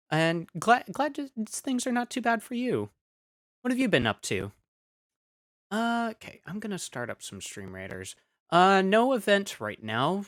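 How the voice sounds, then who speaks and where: A man's voice: on the high side, a bit bright, no room sound, clean studio sound. A man streaming casually, rambling with many fillers as he reads chat aloud, still coughing after an illness.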